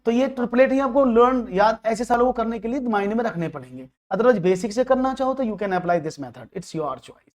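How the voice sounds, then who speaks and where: An extremely high-pitched, darkish voice with lively intonation and a moderate pace belongs to a maths teacher lecturing online for exam prep. He works problems through step by step, uses English phrases along the way, and keeps asking if his students follow.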